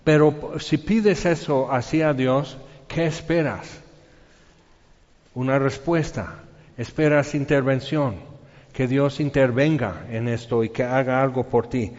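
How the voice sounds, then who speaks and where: A middle-aged man with a Mexican accent preaching a sermon in a lively, colloquial storytelling manner, with spoken sound effects. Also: medium pitch, slow pace. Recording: dull reverberant hall.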